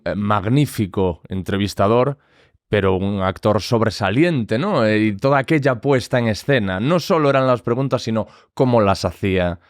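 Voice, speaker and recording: A man hosting an interview podcast, measured and thinking aloud with small fillers. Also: lowish voice, no echo, studio quality. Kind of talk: conversational interview.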